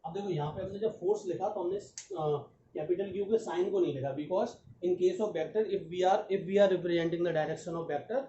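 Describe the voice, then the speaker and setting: A man's voice: high voice, mellow. A young adult man teaching a physics lesson step by step, asking his students rhetorical questions and slipping phrases into his Hindi, with on the bits. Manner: mixes English phrases into Hindi. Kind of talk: exam-prep lecture. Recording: echoey, distant, muffled lo-fi audio with faint background noise.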